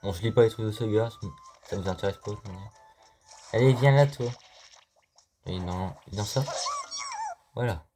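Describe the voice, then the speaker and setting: A man's voice: lowish voice, normal speed, pauses often, dark tone. A man giving casual, joking gameplay commentary as a let's play host, talking to the game and viewers, with faint game music behind.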